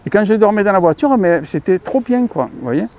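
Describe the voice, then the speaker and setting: This YouTube channel host speaks high-pitched, expressive and a little fast, with a slightly mellow tone and a French accent. Calling his audience dear friends, he wanders through a casual monologue, full of filler words and self-corrections.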